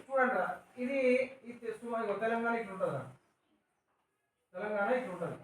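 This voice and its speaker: A man's voice: high voice, expressive, brisk, a bit bright, slight background noise. A man with a Telangana Telugu accent teaching a class, patiently explaining words, asking questions and having pupils repeat after him. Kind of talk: classroom lesson with call-and-response. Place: school classroom. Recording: echoey classroom from far off.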